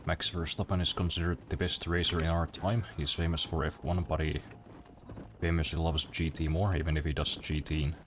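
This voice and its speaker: A man's voice: a bass voice, level tone, a little fast, a little hiss or hum. A man streaming a video game and chatting casually, rambling with many repeats and fillers. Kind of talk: casual gaming commentary.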